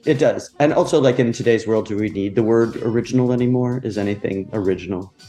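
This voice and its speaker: A man co-hosting a casual podcast, trading wry jokes with quick comebacks. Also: fairly low pitch, dark tone, faint music behind. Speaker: podcast co-host. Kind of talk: casual chat.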